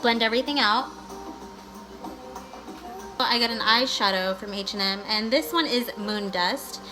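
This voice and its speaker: Bubbly, higher-pitched woman chatting over music. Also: measured pace, poor audio. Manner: bubbly and gushing, with valley-girl style "like" and "guys"; playful, breaks into sing-song bits and exclamations. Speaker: beauty vlogger. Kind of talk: casual chatty makeup tutorial. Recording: music playing behind the voice.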